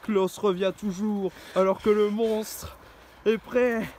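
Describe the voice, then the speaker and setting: A man calling a wrestling match play-by-play, excitable and bursting into shouted exclamations. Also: high voice, slow pace, slight background noise. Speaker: wrestling commentator.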